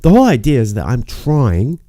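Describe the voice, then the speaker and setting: A man rambles on to camera, frustrated and cursing, stopping and restarting his sentences with plenty of fillers. His voice is very dark and mellow. The recording is close and dry. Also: medium pitch, wildly swooping pitch, dry recording. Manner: frustrated, swearing, halting with many fillers and restarts. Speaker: vlogger.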